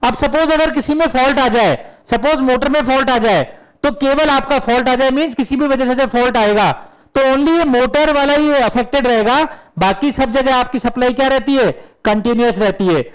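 A middle-aged Indian man wearing a headset mic gives a whiteboard lecture on electrical engineering, mixing Hindi and English and answering his own questions as he explains. His very high voice is clear and resonant at a normal speed. The setting is an indoor classroom studio with a whiteboard, and the audio is poor.

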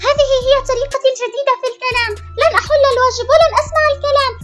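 A woman voicing a lonely schoolgirl doll who feels unloved, in a high, pleading voice. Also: fairly even intonation, very fast, music in the background. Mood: defiant. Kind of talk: toy doll drama voicing.

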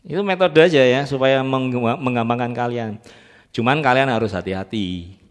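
A man's voice: mid-range voice, moderate pace. A man teaching a music class, quizzing students on letter names and solfege. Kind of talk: live music training class. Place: church training room. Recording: long reverb in a hall.

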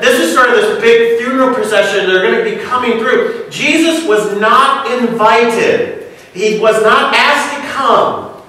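A man's voice: high-pitched, a bit bright. A man preaching a sermon as pastor, talking conversationally with joking asides and rhetorical questions. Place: church sanctuary. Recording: echoey church hall, mic at a distance.

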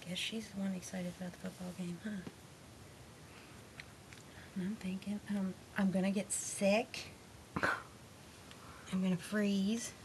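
A woman's voice: mid-range voice, background noise. A woman in her thirties, a mother getting dressed in her bedroom closet, complaining and swearing while her child films her on a handheld camera. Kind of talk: casual home video chat. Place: small bedroom closet at home, indoors. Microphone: handheld camera filmed by her child.

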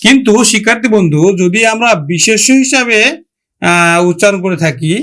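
A man's voice: sits high, lively intonation, fairly quick, sharp tone. A man teaching a grammar lesson for exam preparation, asking his students rhetorical questions and sounding out words syllable by syllable.

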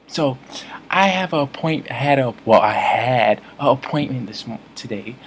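Male comic vlogger, deadpan rambling storyteller, medium pitch, faint room hiss. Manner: rambling, self-correcting, mock-serious. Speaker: comedy vlogger.

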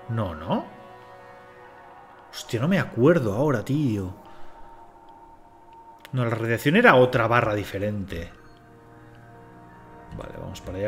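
A man from Spain, swearing and talking to himself as he streams a game. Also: medium pitch. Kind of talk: casual live gameplay commentary.

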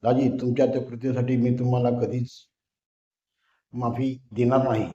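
A man voicing a flustered young married woman who speaks in a pleading, hurried way. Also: mid-range voice, level tone, dark tone, lightly acted. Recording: roomy, dull lo-fi recording.

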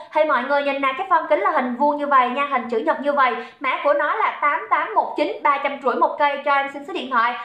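A young woman from Saigon with a Southern Vietnamese accent runs a live sales stream in a high, bright voice. She chats fast and teases, greeting viewers by name. The sound is roomy and echoing. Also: highs cut off. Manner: chatty, greets viewers by name, jokey banter. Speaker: livestream seller. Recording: roomy echo.

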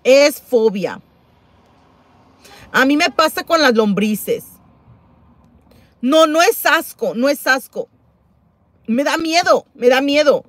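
This couponing livestream host, a middle-aged woman, talks slowly and pauses often, with no echo. Chatting casually, she reads comments aloud and exclaims with many repeated words, animated and swinging high and loud.

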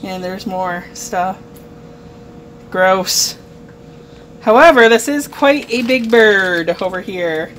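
Matter-of-fact mom at home. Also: female voice, medium pitch, expressive, slow, pauses often, a bit bright, slight background noise. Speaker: homeschooling mother. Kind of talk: casual home vlog.

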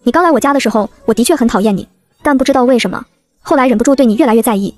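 A woman voicing a remorseful rich young man who speaks softly and hesitantly. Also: fairly high pitch, rapid-fire, close to an everyday voice. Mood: tender. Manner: soft, hesitant confession.

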